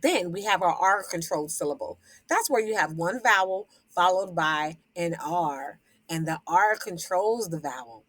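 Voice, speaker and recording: A woman's voice: on the low side, expressive, moderate pace, hardly any pauses, slightly rough, dry recording. A woman teacher explaining vowel syllable types to other educators, sounding out example words and repeating them with fillers. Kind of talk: phonics lesson explanation.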